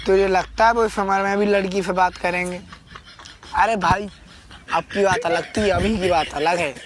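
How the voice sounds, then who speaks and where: A man's voice: sits high, steady tone, moderate pace, noisy background, close to an everyday voice. Man as a complaining young village son. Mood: doubtful. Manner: complaining, rustic. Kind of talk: village comedy skit.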